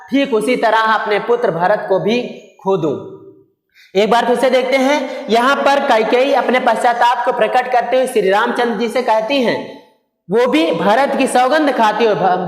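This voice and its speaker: A Hindi teacher explaining a poem for exam students, who asks questions, answers them and rephrases each point with synonyms. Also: medium pitch. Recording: echoey room with long reverb.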